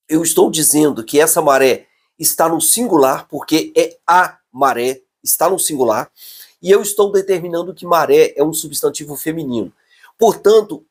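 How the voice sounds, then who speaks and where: Husky Brazilian man teaching grammar slowly. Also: a little high, a little mellow. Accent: Brazilian Portuguese. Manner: slow, emphatic teacher talk with many checking "ok?" asides. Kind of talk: online grammar lesson.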